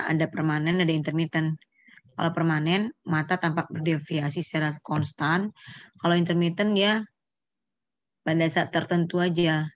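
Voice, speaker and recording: Low-voiced woman giving a medical lecture. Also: no echo. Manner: explanatory, quizzes students, corrects herself mid-phrase. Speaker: neurology lecturer. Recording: dull lo-fi lecture recording.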